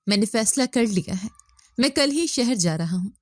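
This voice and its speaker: A woman's voice: on the high side, animated, dry recording, studio quality. A woman voicing a stern, harsh village father who scolds his daughter.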